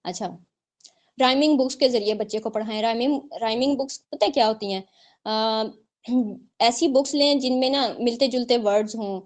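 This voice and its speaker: Speaking at normal speed in a slightly high, slightly mellow voice, a female teacher runs an online lecture for exam prep. She explains, repeats her points, and checks in with students with frequent "theek hai"s.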